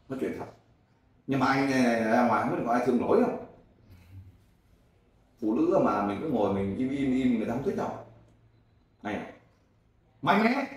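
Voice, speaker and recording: A man interviewing and scolding a guest, lecturing him loudly. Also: medium pitch, very echoey, recorded from a distance. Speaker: volunteer group interviewer.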